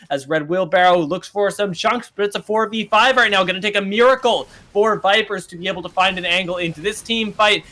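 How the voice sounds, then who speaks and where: A man with a high, bright, forceful voice calls a live esports match play-by-play. He talks fast through the action and gets much louder when the fights break out. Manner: rapid play-by-play that climbs to shouting at big plays.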